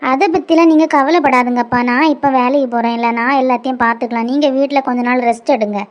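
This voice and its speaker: A woman's voice: high voice, fairly even intonation, quick pace, close to an everyday voice. A woman voicing a caring young working daughter in a cartoon, with a Kanyakumari Tamil accent. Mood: reassuring. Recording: lo-fi dull audio.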